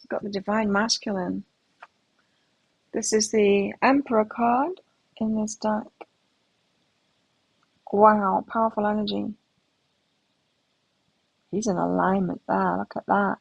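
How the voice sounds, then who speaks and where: A woman's voice: mid-range voice, fairly even intonation, slow pace, creaky, pauses often, slightly rough, no room sound, highs cut off. A middle-aged woman with a mixed British and Australian accent, chatting and musing aloud as she reads tarot cards live. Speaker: tarot reader. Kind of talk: live tarot reading chat.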